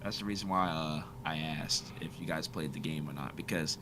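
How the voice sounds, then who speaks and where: A man's voice: rumbling low, brisk, sharp tone, slight background noise. A man hosting a casual podcast chat, talking in easy slang with frequent laughs and reading an article aloud with stumbles. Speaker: podcast host.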